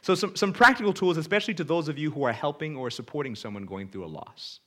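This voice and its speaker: A man preaching a sermon in a conversational way. He reads scripture dramatically and acts out the people he quotes, swinging from loud to hushed. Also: a little high, expressive, fast talker.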